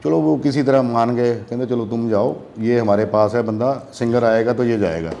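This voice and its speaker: A young man, a guest musician, tells a long story in a casual chat and animatedly acts out the voices of the people in it when quoting them. His voice is medium-pitched with vocal fry, at a normal speed.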